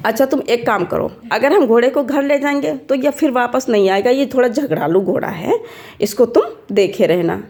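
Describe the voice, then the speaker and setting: A woman's voice: a little high, normal speed, gravelly, darkish tone. A woman voicing a well-off man on horseback in a told folk tale, who gives orders in a familiar, commanding way. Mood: bossy. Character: wealthy man on horseback, bossy.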